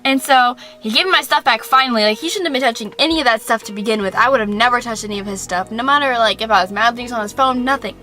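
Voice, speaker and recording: A woman's voice: a little high, fast, few pauses, bright, forceful tone, faint music behind. A young woman telling a story on her vlog in a chatty, indignant way, saying "like" often. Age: young adult. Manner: chatty, heavy use of "like". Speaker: vlogger. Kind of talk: casual story-time vlog.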